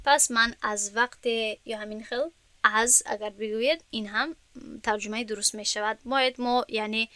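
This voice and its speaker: A woman's voice: a little high, steady tone, bright, forceful tone, no echo. A woman with a Tajik-influenced Persian accent teaching an Arabic grammar lesson, explaining step by step and checking whether her students understood.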